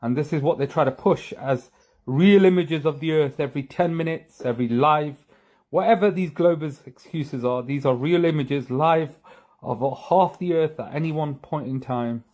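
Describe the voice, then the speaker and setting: A man's voice: fairly high pitch, moderate pace, a little mellow. A man with a slightly raised voice walks through images on screen and mocks them as he goes. His delivery is sarcastic and pointed throughout. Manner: sarcastic, mocking. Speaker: video commentator. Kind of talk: sarcastic screen-share commentary.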